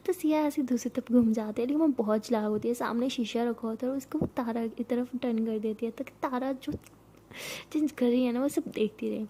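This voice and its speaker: A woman tells a love story in a soft, intimate way, often half-whispering. Her voice is high and mellow with a breathy texture. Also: brisk. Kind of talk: spoken love-story narration.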